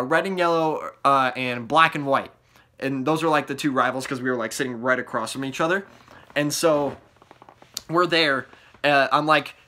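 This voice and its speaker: A young man excitedly recapping a trip in a casual vlog, rambling with many fillers and restarts, his voice a little worn from yelling. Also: medium pitch. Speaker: vlogger.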